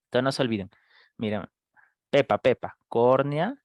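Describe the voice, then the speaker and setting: A man teaching a live online medical class, firing quick questions at students and acting out screaming patients. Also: mid-range voice, no room sound. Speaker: medical lecturer.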